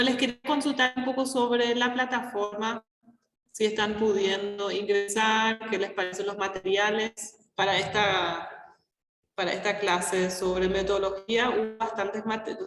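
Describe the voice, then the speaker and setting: Woman lecturer in cathedral-like echo. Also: mid-range voice. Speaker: university lecturer teaching an online class. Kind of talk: casual spoken class talk. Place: classroom with heavy echo, on a live video class. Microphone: open device mic, no headset. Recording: echoey classroom, cathedral-like reverb.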